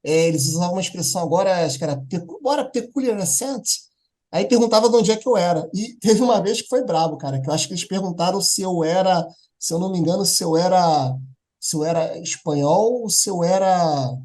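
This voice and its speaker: A man's voice: sits high, quick pace, a little mellow. A man as a guest in a casual conversation, telling stories in an easygoing, hesitant way. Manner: easygoing, storytelling, hesitant restarts.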